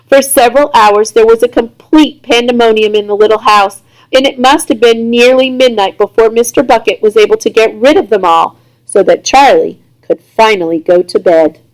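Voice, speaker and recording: A woman reading a children's book aloud chapter by chapter, in an expressive storytelling manner. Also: fairly high pitch, moderate pace, rough recording. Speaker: reader.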